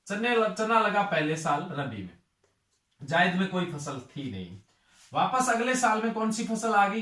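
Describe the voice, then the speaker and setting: A man's voice: high voice, pushed and bright, reverberant, recorded from a distance. A male agriculture tutor giving a lecture. He asks his students questions and then answers them himself.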